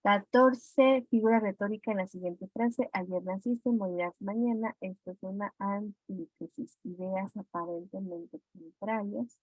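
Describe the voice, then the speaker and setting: A woman teacher with a Mexican Spanish accent works through exam answers step by step in a classroom review, calling on students with questions. Her mid-range voice moves a little slowly with hardly any pauses. The recording is dry and dull, lo-fi, with no room sound.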